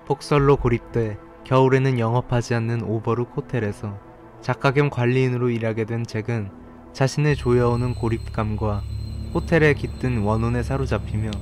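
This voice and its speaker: A man's voice: medium pitch, darkish tone. A man reading a scripted narration as a voice-over for a film ranking video. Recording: voice-over with faint background music. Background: faint music.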